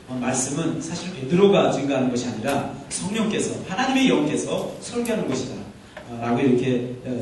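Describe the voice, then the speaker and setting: A man's voice: a little high, a little hiss or hum. A man preaching a sermon in a church, joking as he talks. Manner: jokey, playful with dialect lines. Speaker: pastor. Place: church sanctuary. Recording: echoey church hall from far off.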